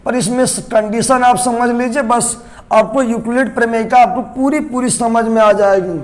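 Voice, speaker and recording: A man teaching a math lesson to students. He asks questions and answers them himself, and repeats key terms slowly. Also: extremely high pitch, steady tone, darkish tone. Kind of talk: classroom-style lesson to camera.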